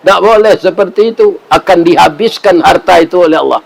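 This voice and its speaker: A man's voice: high-pitched, a little fast, gravelly, poor audio. A middle-aged man with a Minangkabau accent preaching a sermon, telling stories with humor and asking his listeners "ya kan?". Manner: storytelling with humor and rhetorical "ya kan?".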